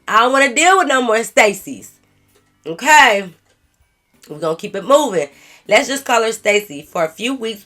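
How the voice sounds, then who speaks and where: Her voice sits at medium pitch with a slightly bright quality, though a cold has left her stuffed up. The young vlogger reads a viewer's letter for a casual storytime, reacting in cheeky slang as she goes.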